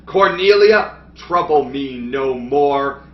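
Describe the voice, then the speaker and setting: A man's voice: medium pitch, animated, slow. A man voicing a pompous, greedy old king and father, hamming it up in mock-Shakespearean speech. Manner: mock-Shakespearean, laughing through lines. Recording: roomy lo-fi stream audio with game music.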